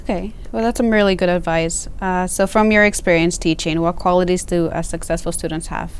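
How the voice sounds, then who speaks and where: A woman's voice: on the low side, steady tone, brisk, slight background noise. A young woman interviewing a professor, asking questions in an upbeat, chatty way. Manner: upbeat, chatty, brief acknowledgements. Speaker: student interviewer.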